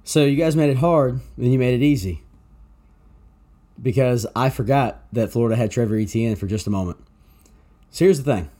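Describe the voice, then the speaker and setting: A man's voice: mid-range voice, moderate pace, long pauses, warm tone. A man co-hosting a sports podcast, giving casual, wry, conversational game analysis.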